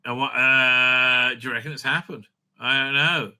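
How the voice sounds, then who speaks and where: Stammering and repeating himself excitedly, a man hosts a video with off-the-cuff, opinionated commentary laced with profanity. His pitch is medium and his pace moderate.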